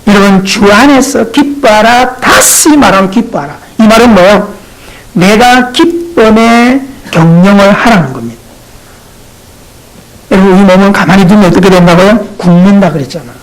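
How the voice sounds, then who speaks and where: A male pastor preaching a sermon, talking straight to his congregation in a playful, animated way. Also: high-pitched, normal speed, slight background noise, low-quality recording.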